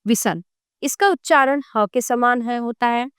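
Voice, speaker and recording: A woman's voice: fairly high pitch, measured pace, fairly bright tone, smooth, no echo, clean studio sound. A woman reading a grammar lesson aloud like a teacher, spelling out sounds and example words one by one.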